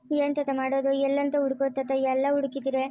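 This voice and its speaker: A woman's voice: high voice, completely flat delivery, quick pace, dark tone, no room sound, studio quality. A woman with a rural Chikkaballapur Kannada accent, playing a distressed daughter pleading with her grandfather. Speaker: daughter in a family drama. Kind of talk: village web-series acting.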